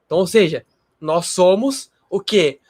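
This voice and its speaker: A man's voice: sits high, unhurried, darkish tone, slightly rough, no room sound, clean studio sound. A man hosting a spiritual livestream, teaching casually and emphatically and repeating himself.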